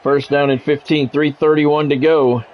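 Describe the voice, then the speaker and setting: A man's fairly high, level voice at a moderate pace carries football play-by-play for a video game stream. He reacts casually, keeping things blunt and conversational, and the highs are cut off.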